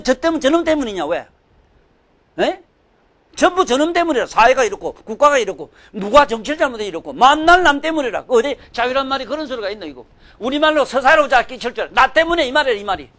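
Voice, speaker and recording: An older man giving a sermon, scolding and emphatic, swinging from loud outbursts to low mutters. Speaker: Buddhist dharma teacher.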